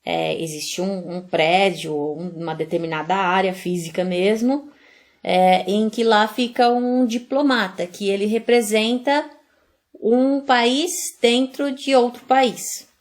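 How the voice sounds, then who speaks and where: A young Brazilian woman teaching a class online. She is chatty and explains things step by step with plenty of fillers. Her voice sits at a middle pitch. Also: steady tone, slow.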